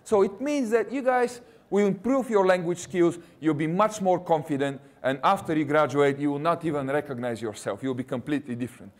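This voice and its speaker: A man in his thirties with a Russian accent, not a native English speaker, gives a jokey, chatty presentation to students as a university recruiter, quizzing the audience. His voice is a little high and fairly quick, with hardly any pauses.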